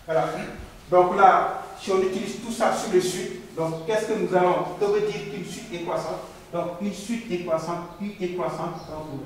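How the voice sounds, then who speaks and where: A man's voice: high voice, steady tone, a little slow, a little hiss or hum. A man teaching a math lesson at the board, repeating words as he writes and restarting often. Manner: repeats words while writing, frequent restarts. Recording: very echoey classroom, mic far off.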